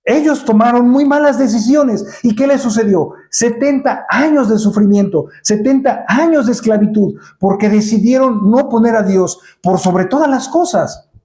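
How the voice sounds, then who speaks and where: A man's voice: very high-pitched, normal speed, mellow, reverberant. A man preaching a sermon in a church, asking the congregation rhetorical questions and acting out Bible scenes.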